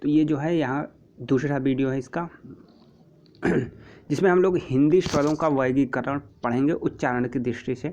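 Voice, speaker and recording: A man teaching an exam-prep lesson, patiently repeating terms and example sounds, with frequent throat clearing. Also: mid-range voice, moderate pace, darkish tone. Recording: dull lo-fi recording.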